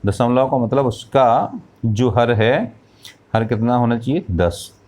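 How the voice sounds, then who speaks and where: A man's voice: medium pitch, expressive, slow pace, darkish tone. A man teaching a math lesson, explaining step by step, asking questions and answering them himself, and counting out parts aloud.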